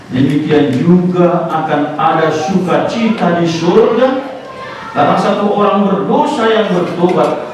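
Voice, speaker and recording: A man preaching a sermon, rising in emphasis and slowing down on key words, sometimes slipping in English phrases. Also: fairly high pitch, very echoey, far from the mic, noisy background. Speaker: pastor. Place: church sanctuary.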